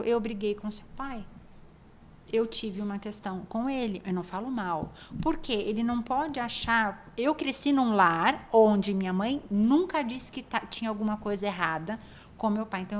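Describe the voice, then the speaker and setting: Woman podcast host. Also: on the high side. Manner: explanatory, acts out quoted dialogue. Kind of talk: casual interview talk.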